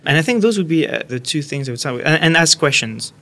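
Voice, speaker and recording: A man with a French accent, a podcast guest explaining his views in a measured, earnest way. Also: a little high, expressive, bright, forceful tone. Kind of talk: podcast interview.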